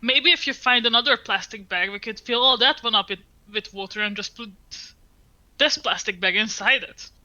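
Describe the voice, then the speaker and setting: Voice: medium pitch, normal speed, bright, forceful tone, dull audio. A player chatting casually during a tabletop role-playing game.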